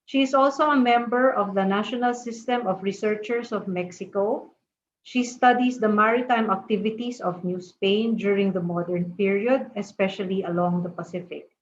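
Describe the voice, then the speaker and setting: A woman moderating an online academic panel, introducing the next speaker in a measured way. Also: medium pitch, dull audio, a little hiss or hum.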